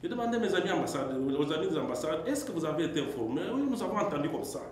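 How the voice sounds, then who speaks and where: A man's voice: on the high side, very animated, racing, a little mellow. A man from the audience raising observations at a press conference, telling an example in an earnest, emphatic way. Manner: earnest, storytelling, rising with emphasis. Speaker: audience member asking a question. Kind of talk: long question from the floor. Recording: very echoey hall with faint noise.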